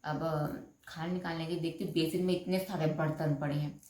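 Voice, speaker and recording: A woman's voice: sits low, normal speed. A woman chattily telling a personal story from her own life, acting out the dialogue along the way. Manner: chatty, animated retelling with quoted dialogue. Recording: echoey room.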